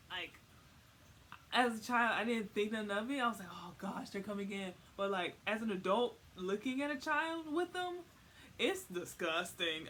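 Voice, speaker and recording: Her voice is medium-pitched, bright and forceful as this young woman vlogs a comic, informal explanation. She rambles and repeats words to stress points, in a home recording with a little noise.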